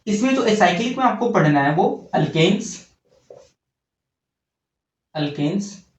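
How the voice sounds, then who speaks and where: A man teaching a chemistry lesson while writing on a board. He talks slowly, asking questions and answering them himself. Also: high-pitched, expressive. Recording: distant, echoey, dull lo-fi.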